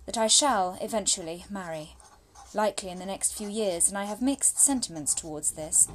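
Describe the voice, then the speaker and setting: A woman plays an anxious, spirited young Victorian gentlewoman who confides in her brother through letters, delivered as a formal, genteel and expressive dramatic monologue. Her pitch is fairly high, with a little hiss or hum on the recording.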